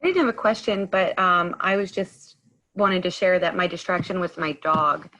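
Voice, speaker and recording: Low, bright-toned woman chatting in class. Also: normal speed, low-quality recording. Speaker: class participant. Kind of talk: sharing in a group class.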